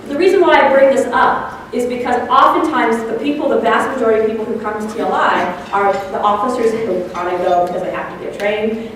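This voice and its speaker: A woman's voice: on the high side, distant mic, slight background noise. Enthusiastic woman speaking in an echoey hall. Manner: enthusiastic, asks the audience questions. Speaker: district officer addressing club presidents. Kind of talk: speech to a breakfast audience. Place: large room at an event.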